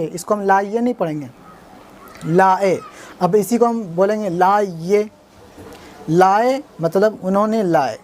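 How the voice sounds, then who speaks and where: A man's voice: sits high, darkish tone. A man teaching how to write words, spelling them out letter by letter, repeating each word, and asking himself what it turns into. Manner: spells out letters one by one and asks himself "what does it become?"; patient, repetitive explaining. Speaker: Urdu writing teacher. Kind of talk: step-by-step writing lesson.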